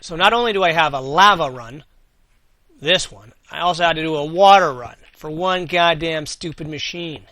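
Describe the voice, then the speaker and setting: A man's voice: a little high, normal speed, pushed and bright, dry recording. A man hosting a gaming video, launching into an escalating, foul-mouthed comedic rant with exasperated, emphatic repetition.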